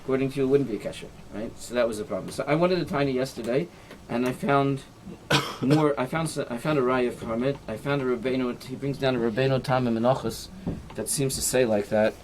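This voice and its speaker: A rabbi's mid-range male voice moves a little fast with few pauses, against slight background noise. He's teaching an informal halacha class, showing each knot step by step with his hands, peppering his talk with Hebrew and Yiddish terms, and repeatedly asking "right?"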